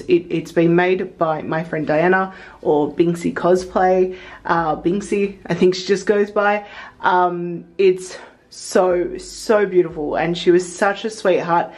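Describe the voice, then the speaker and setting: A young woman with a lowish, slightly mellow voice chats casually in a bubbly vlog, laughing often and restarting sentences. She is a vlogger and also judges cosplay.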